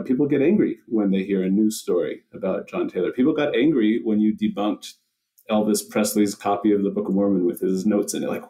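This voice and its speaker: Host guy, low mellow voice, a bit far from the mic, rambly questions. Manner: rambling, hesitant questions with fillers. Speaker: podcast host. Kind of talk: casual interview questions.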